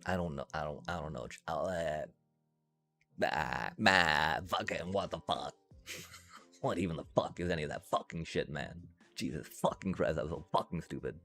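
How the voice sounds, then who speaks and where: Brief: deep, gravelly male streamer, swears and laughs through his frustration. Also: unhurried, long pauses, a bit bright, faint music behind. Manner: frustrated, profane ranting with frequent laughs. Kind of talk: casual gameplay commentary.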